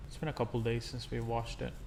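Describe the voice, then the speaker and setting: A man's voice: mid-range voice, monotone, fast talker, creaky, background noise. A young man co-hosting a reaction channel, chatting in an easygoing way. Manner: easygoing, laughs along. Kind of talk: casual chat.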